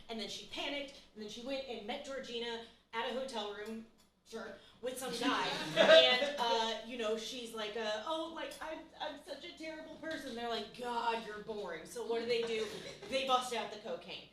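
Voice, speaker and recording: A woman's voice: a little high, background noise. A woman doing a live improv scene, recapping a teen drama in a gossipy, breathless way and acting out the characters' quotes. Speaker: improv performer. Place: small theater stage. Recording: echoey room, mic from a distance.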